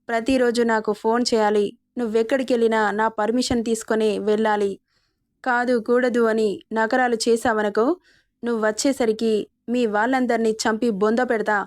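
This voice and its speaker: Storybook villain, young man, threatening, taunting, read by a woman, flat tone. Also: a little high, no room sound, studio quality, lightly acted. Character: menacing young male villain, controlling and cruel.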